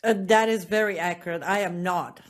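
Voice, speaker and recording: A woman from Iran, a guest author, giving measured, earnest answers in an interview. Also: lowish voice. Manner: measured, earnest personal account.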